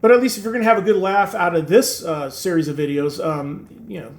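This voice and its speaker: A high, slightly quick male voice belongs to a man in his sixties, raised in Turkey and a native Turkish speaker. Hosting his own channel, he delivers a loose talking-head monologue, rambling with many fillers and wry humor aimed at himself.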